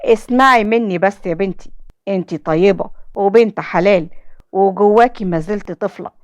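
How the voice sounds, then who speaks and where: A woman narrator plays a kind older driver with an Egyptian accent who speaks gently and reassuringly, like a father. He is a warm supporting figure in a spoken story. The sound is dry and close to the mic. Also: medium pitch, moderate pace, no room sound, natural voice. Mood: comforting. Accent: Egyptian Arabic.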